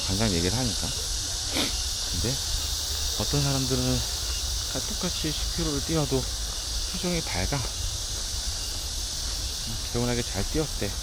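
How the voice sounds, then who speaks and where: A man recording a casual, reflective monologue outdoors as he walks, pausing to think. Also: mid-range voice. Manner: musing, pausing to think while walking. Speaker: vlogger talking about physiognomy and running. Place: outdoors, walking. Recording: loud insect chirring and outdoor noise.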